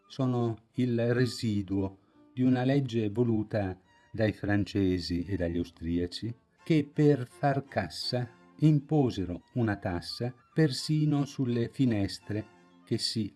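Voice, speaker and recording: Guy doing slow documentary voice-over, warm dark tone, measured and unhurried. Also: lowish voice, lively intonation, soft background music. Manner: slow measured storytelling delivery. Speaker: documentary narrator. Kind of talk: scripted narration.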